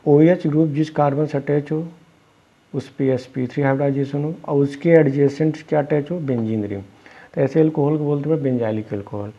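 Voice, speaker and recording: A man's voice: a little high, steady tone, a little fast, gravelly, mellow. A male chemistry teacher giving a classroom lecture, explaining step by step and answering his own questions. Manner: explains step by step, asks students questions and answers them himself; calls students "beta". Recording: dull lo-fi recording.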